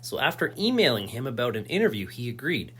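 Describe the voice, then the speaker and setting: A man's voice: mid-range voice, sing-song, fast. Mock-serious male narrator with faint hum. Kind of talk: comic video intro narration.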